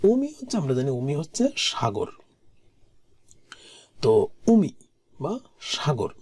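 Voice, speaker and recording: A language teacher giving a recorded exam-prep lesson, patiently repeating each word slowly and sometimes dropping to a soft murmur. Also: medium pitch, big pitch swings, breathy edge.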